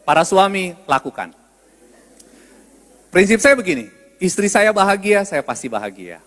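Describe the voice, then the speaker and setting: High, lively-voiced pastor preaching in a church hall. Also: male voice, normal speed. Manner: animated, joking, loud voice. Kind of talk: humorous sermon. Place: church sanctuary.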